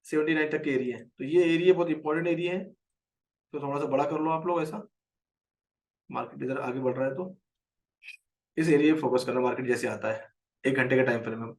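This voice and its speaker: A man's voice: mid-range voice, brisk, long pauses, distant mic. A man with an Indian accent teaching a live trading lesson, explaining a chart and answering viewers by name.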